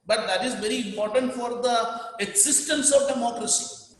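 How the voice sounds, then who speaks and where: A man's voice: extremely high pitch, moderate pace, fairly bright tone. A man teaching a class, repeating key words and telling students what to underline. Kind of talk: classroom lecture. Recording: echoey room with long reverb.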